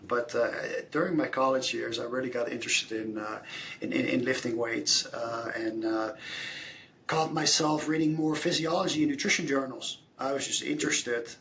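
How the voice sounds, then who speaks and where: A man's voice: medium pitch, creaky, fairly bright tone, a little hiss or hum. Man in his thirties, hesitant. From Netherlands. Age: 30s. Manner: hesitant, many fillers and restarts. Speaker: nutrition scientist guest. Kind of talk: casual podcast interview.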